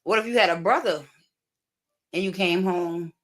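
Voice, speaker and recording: A woman's voice: on the low side, moderate pace, a bit bright, low-quality recording. A woman in her thirties talking bluntly and playfully in a casual live chat, often laughing mid-sentence. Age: 30s.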